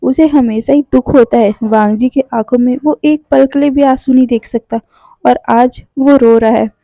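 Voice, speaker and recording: Woman storyteller narrating fan fiction, mellow, dry close sound. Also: high-pitched, steady tone, moderate pace, no room sound.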